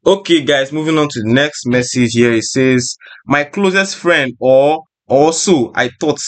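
A man's voice: medium pitch, measured pace. A young adult man with a Nigerian accent hosting a casual podcast chat in an informal, slangy way. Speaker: podcast host.

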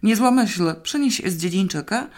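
A woman reading the part of an unflappable woman homeowner, with calm, dry remarks. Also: mid-range voice, moderate pace, pitched above the performer's own voice, lightly acted. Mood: lively. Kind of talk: audiobook character reading.

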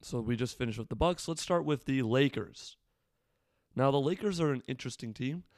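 A man's voice: mid-range voice, expressive, a little fast, dry recording, studio quality. Casual man with a slightly weathered voice. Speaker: sports fan commentator. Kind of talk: casual solo sports commentary.

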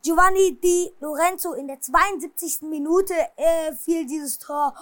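A football news vlogger casually recaps matches and transfer rumours in a very high, unhurried voice with a fairly bright tone. She hesitates a lot and apologizes for her pronunciation, and the recording has no room sound.

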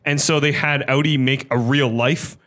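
A man's voice: mid-range voice, steady tone, a bit bright. A man co-hosting a casual gaming podcast, jumping in with playful quips. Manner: quick interjections, playful banter. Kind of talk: casual chat.

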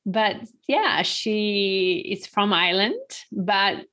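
A woman's voice: mid-range voice, takes it slowly, a bit bright. A woman co-hosting a podcast, chatting casually and asking questions in a friendly way, laughing often. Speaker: podcast co-host. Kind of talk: casual interview chat.

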